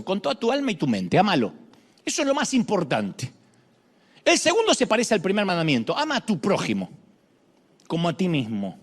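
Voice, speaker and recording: A middle-aged man with a high voice preaches a dramatic sermon, swinging between shouts and hushed lines and slipping in humorous asides. The recording has a big-room sound.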